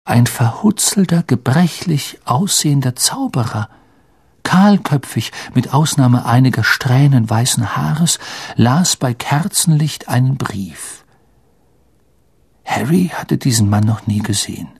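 A man narrating an audiobook with slow, expressive storytelling. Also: mid-range voice, vocal fry, husky, no room sound.

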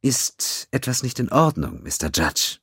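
A man voicing a calm female captain. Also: medium pitch, slightly rough, no room sound, clean studio sound, voice pushed up, exaggerated voice. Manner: calm, measured. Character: serene female starship captain, composed.

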